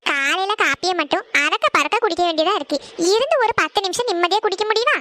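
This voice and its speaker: A woman plays a harried cartoon housewife. Her voice sits very high and squeaky, and she talks in quick, anxious bursts, pleading with her lender. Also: sharp tone. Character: harried young village housewife in debt. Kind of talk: cartoon voice acting.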